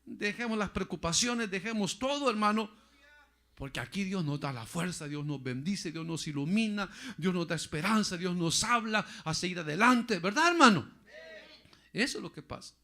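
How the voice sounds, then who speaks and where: A man pastor preaching a sermon, repeating phrases and often calling listeners "brother", going loud for emphasis and dropping quiet for asides. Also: high voice, animated, normal speed.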